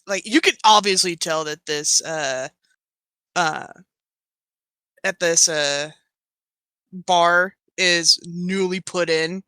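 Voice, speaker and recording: A woman narrating as game master of a tabletop game, halting and searching for words with many fillers. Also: fairly low pitch, pushed and bright, clean tone, no echo.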